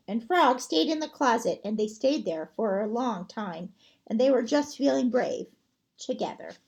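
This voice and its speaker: A woman librarian reading a picture book aloud to children, gentle and expressive. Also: high voice, creaky.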